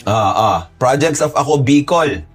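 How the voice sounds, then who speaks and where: A man giving casual political commentary in an exasperated, mocking way, jumping sharply up and down in pitch. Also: animated, a little slow, soft background music.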